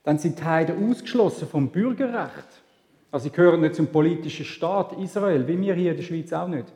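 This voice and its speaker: A Swiss man with a Swiss German accent preaches a sermon conversationally, posing rhetorical questions. His voice is on the high side, a little fast, and dark in tone. The recording is from an echoey hall with long reverb.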